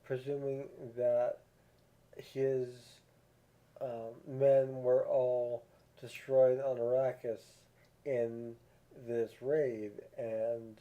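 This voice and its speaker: A man speaks in an unhurried, halting way as he reviews a series, often stopping on filler sounds and restarting words. His voice sits at an ordinary middle pitch. The sound is narrow and tinny, as if heard over a phone line. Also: flat delivery, mellow. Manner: slow and halting, many ums and restarts. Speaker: show reviewer. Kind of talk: casual spoken review.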